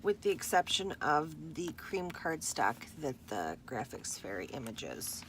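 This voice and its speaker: A woman showing her handmade journals in a casual vlog, relaxed and unhurried, with a husky morning voice and some throat clearing. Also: low-pitched, noisy background. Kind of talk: casual show-and-tell vlog.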